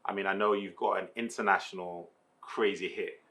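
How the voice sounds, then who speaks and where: A man from Nigeria co-hosting a casual radio interview. He speaks in a relaxed way and backs the guest with quick approving "yeah"s. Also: deep voice. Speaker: radio co-host.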